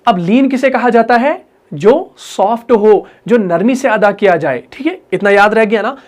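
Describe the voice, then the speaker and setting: Man, high voice, Pakistani Urdu accent, patient recitation teacher, slow repeated examples. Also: expressive. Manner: patient, repetitive, slow drawn-out demonstrations. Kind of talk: online lesson.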